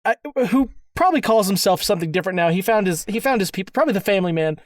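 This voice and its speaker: A podcast co-host chatting casually, often interrupting to question and steer the pitch. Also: expressive, racing, dry recording, clean studio sound. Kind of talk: casual comedic chat.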